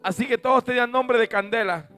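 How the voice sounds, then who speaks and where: High-voiced, bright male preacher. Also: a little fast, faint music behind. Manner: swings from booming shouts to soft asides. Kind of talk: sermon with storytelling.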